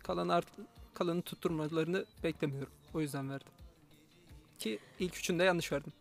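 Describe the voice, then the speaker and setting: A man's voice: on the high side, brisk, creaky, faint music behind. A man chatting casually as a radio guest, joking at his own expense. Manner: self-deprecating, jokey. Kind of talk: casual chat. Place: radio broadcast.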